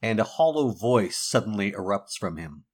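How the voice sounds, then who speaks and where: A man's voice: lowish voice, big pitch swings, normal speed, husky. A man playing a tabletop game, narrating his character's actions and checking the rules as he goes.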